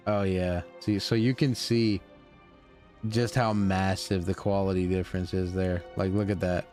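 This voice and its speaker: A man's voice: sits low, flat delivery, unhurried, darkish tone, soft background music. A tired young man casually commenting while streaming a video game, rambling with lots of fillers and restarts. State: tired, yawning.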